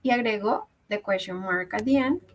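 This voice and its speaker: A woman's voice: medium pitch, normal speed, a little hiss or hum, rough recording. A woman teaching English grammar in an online class, explaining step by step and checking in with her students. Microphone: video call.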